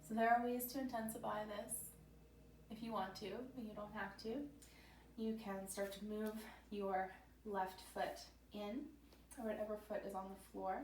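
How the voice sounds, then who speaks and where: A woman with a medium-pitched, slightly scratchy voice guides a yoga class with calm, gentle, steady cues, clearing her throat frequently. A distant mic gives a roomy echo, with soft music in the background.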